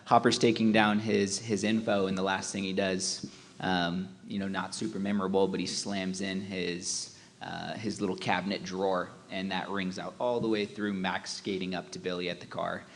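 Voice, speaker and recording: A man's voice: sits low, little pitch movement, moderate pace, long reverb tail, a little hiss or hum. A man, a film editor, talking casually on a live panel with many hesitant "um"s and "uh"s. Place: live event hall.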